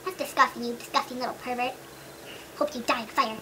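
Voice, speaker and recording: A woman's voice: fairly high pitch, fairly even intonation, fast talker, pushed and bright. A young woman chatting casually and jokingly with a friend into a home camera. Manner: joking, teasing, giggly. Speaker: vlogger. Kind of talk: casual silly chat with a friend. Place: a house, indoors. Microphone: camera mic. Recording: noisy home camera recording.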